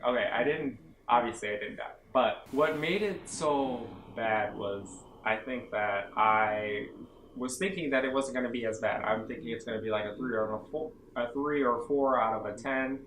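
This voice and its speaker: A young man vlogging about his basic training, telling the story casually and a bit dramatically, with lots of "like" fillers. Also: medium pitch. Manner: animated, self-dramatizing, many "like" fillers. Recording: echoey room, faint background hum.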